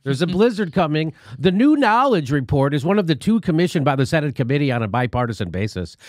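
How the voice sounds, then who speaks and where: A man's voice: fairly high pitch, big pitch swings, quick pace, dry recording, clean studio sound. Sarcastic man hosting a comedy talk show. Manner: sarcastic, mocking, profane. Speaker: host. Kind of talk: comedic political commentary.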